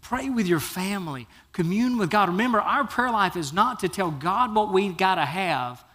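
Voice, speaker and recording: A pastor delivers his sermon in a fairly high, lively voice, spinning Bible stories in casual, down-home phrasing. He acts out the characters' lines as he goes, letting his voice rise and fall. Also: moderate pace. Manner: animated storytelling, acts out biblical figures.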